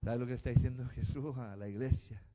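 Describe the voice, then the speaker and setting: A man, a bishop preaching a sermon, who swings from quiet, slow passages to shouted emphasis. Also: mid-range voice, steady tone. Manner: spells out words slowly.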